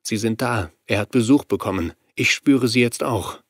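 A male audiobook reader voicing a young man who speaks quietly and intensely about sensing spirits. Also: mid-range voice, normal speed, no room sound, studio quality, close to an everyday voice. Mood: hushed.

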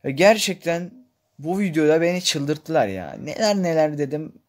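A man giving gameplay commentary, exasperated and complaining, swinging between tired muttering and loud outbursts. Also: fairly high pitch, animated, moderate pace. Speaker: gaming YouTuber.

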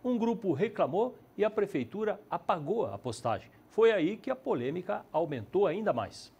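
A man's voice: sits high, very animated, moderate pace, vocal fry, a little mellow, breathy edge. A middle-aged male news anchor from Curitiba, presenting and giving emphatic opinionated commentary in a TV studio on a lapel mic. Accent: Brazilian Portuguese, Curitiba.

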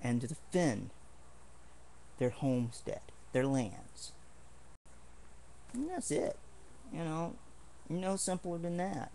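Slow, rambling earnest man. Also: on the high side, lively intonation, creaky, dark tone, a little hiss or hum. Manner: rambling, earnest, with many restarts. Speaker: martial arts hobbyist showing swords. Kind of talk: casual home video demonstration.

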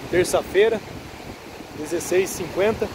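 A man films a walking vlog on his phone along a windy beach boardwalk. His voice sits slightly high and his chat is easygoing, aimed at his viewers. Loud surf and wind roar around the phone mic. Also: normal speed. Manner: relaxed, chatty, addresses viewers often. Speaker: vlogger filming the beach. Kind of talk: casual walking vlog commentary. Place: outdoors on a windy seaside boardwalk. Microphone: handheld phone camera. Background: waves and passing traffic.

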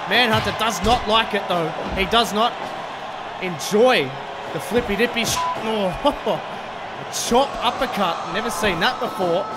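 A man giving excitable, shouted play-by-play wrestling commentary. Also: sits high. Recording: loud game crowd and arena noise behind.

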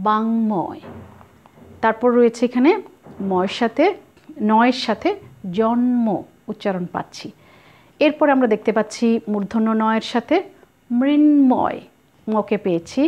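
A woman's voice: a little high, darkish tone. A woman teacher explains pronunciation rules patiently and puts questions to her students. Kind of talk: pronunciation lesson. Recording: lo-fi muffled recording.

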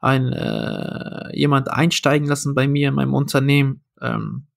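A man's voice: mid-range voice, steady tone, normal speed, gravelly. A young man, a comedian and food founder, telling a story casually in a podcast interview, acting out quoted dialogue with lots of fillers.

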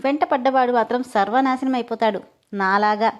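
A woman's voice: on the high side, a little fast, dull audio, lightly acted. A woman voicing a playful young man who mocks and teases in a storybook reading. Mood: teasing. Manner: mocking and playful. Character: teasing, joking young man.

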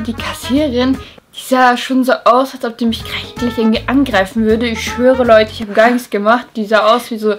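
A young woman telling a personal story in casual chat, lively and often calling out to her viewers. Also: on the high side.

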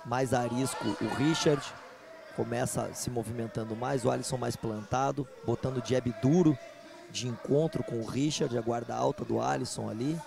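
A man's voice: mid-range voice, fairly even intonation, normal speed, gravelly, music in the background. A man with a Brazilian accent doing informal, slangy live commentary on an MMA fight.

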